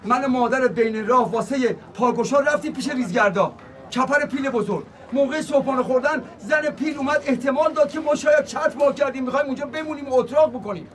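An excitable, evasive uncle in a TV comedy, wailing and fawning over everyone in a very high, strained voice. He dodges blame with theatrical protests. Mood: coaxing. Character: Garsha, fussy excitable middle-aged man, evasive and theatrical. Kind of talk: Persian TV comedy series acting.

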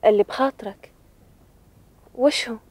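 A woman's voice: fairly high pitch, fairly even intonation, moderate pace, darkish tone, dry recording, close to an everyday voice. An actress in her twenties playing a direct, questioning young sweetheart in a television drama, with a Bedouin Arabic accent. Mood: questioning, wistful. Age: 20s.

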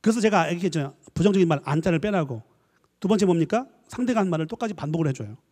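A man, a professor, giving a lively church lecture, acting out little dialogues and coaxing his listeners. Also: a little high, rapid-fire, slightly rough. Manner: animated, acts out dialogues, coaxing the audience. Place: church hall. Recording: long hall reverb.

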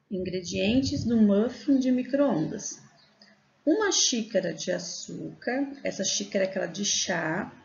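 Brazilian woman teacher in her forties, friendly step-by-step explainer, mid-pitched voice, slightly muffled webcam sound. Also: a little mellow. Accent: Brazilian Portuguese. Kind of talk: casual instructional video lesson. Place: small room indoors.

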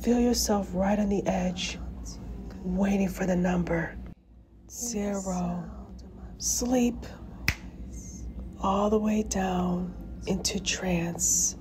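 A woman doing an ASMR role-play as a hypnotist, speaking in a soft, breathy soft voice with a soothing, commanding manner and long pauses. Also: medium pitch, steady tone, background noise. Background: music.

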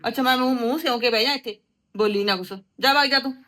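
A middle-aged woman playing a meddling, outspoken mother visiting her married daughter, talking in a stubborn, sharp-tongued way. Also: a little high, quick pace, close to an everyday voice. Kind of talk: rural village drama acting.

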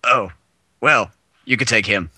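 A man putting on the voice of a gruff male bar bouncer sizing up a newcomer, in a lowered voice. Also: measured pace, pushed and bright, no room sound, clean studio sound, exaggerated voice.

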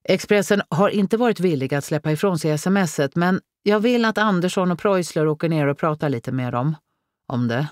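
A woman reading an audiobook, voicing a male police chief who briskly commands a murder briefing. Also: on the low side, lively intonation, darkish tone, no room sound, clean studio sound, pitched above the performer's own voice, lightly acted. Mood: commanding.

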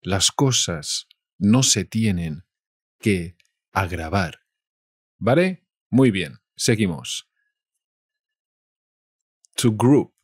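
Slow Spanish teacher from Spain. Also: male voice, low voice, animated, husky, dry recording, clean studio sound. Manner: slow, repeats each word twice. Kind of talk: vocabulary lesson.

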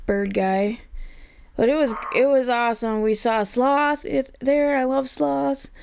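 A woman in a casual vlog chat, talking in a relaxed, hesitant way with fillers. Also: sits high, measured pace, creaky, clear, resonant tone. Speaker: host's partner, guest.

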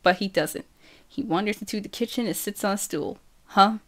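Slow, steady woman reader. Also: medium pitch. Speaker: audiobook reader. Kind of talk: first-person novel narration.

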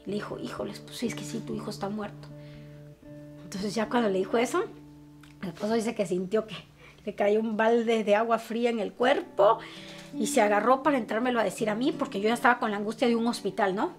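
Grieving middle-aged Mexican mother, anguished testimony at home, higher voice, guitar underneath. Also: steady tone, a little fast. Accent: Mexican Spanish. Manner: anguished storytelling, acting out others' words. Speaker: interviewee, bereaved mother. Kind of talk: emotional personal testimony. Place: her family home. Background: soft guitar music.

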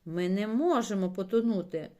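A woman's voice: mid-range voice, lively intonation, moderate pace, warm tone, natural voice. A woman reading aloud and voicing a friendly, slightly boastful female water-strider insect in a children's storybook.

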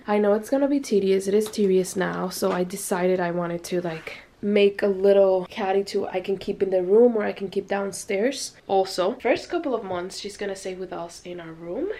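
A woman's voice: mid-range voice, darkish tone. A young woman vlogging, chatty and casual, explaining baby items one by one with lots of fillers. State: pregnant, briefly out of breath. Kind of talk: casual home tour vlog. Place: home nursery room.

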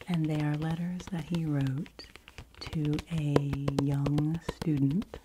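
Woman, 40s, low-pitched, soft ASMR half-whisper as in a library, unhurried, hissy close-mic recording. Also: steady tone. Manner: hushed, gentle, slow, often dropping into an unvoiced whisper. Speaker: ASMR video creator reviewing library books. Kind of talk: soft-spoken ASMR book talk in a near-whisper, like a library whisper. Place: small home room with a bookshelf. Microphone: fur-covered microphone close in front of her.

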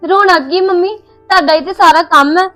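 A woman's voice: very high voice, fairly quick, pushed and bright, soft background music. A woman acting a resentful daughter-in-law who argues back in a family drama. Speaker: actor playing a daughter-in-law.

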